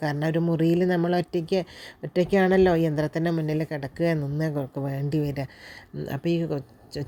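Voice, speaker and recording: An older woman with a low-pitched voice tells a personal story to her listeners. She sounds unwell and clears her throat now and then. Her talk is chatty and friendly, and there is a faint hum of noise behind her. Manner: chatty, addresses listeners warmly with tag words. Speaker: vlogger. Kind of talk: casual spoken storytelling.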